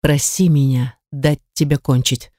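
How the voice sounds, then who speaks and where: Brief: teasing, commanding lover, read by a woman, mellow, dry close read. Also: very deep voice, fairly even intonation, a little slow, dry recording.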